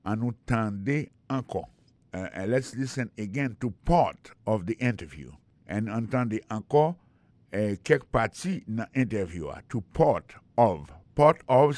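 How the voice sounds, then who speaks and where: A man with a Haitian accent leads an English lesson, saying phrases slowly and spelling them letter by letter. His voice sits fairly low, recorded dry and close. He repeats each phrase and explains how to say it. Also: darkish tone, no echo. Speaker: English teacher. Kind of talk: language lesson. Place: in the United States.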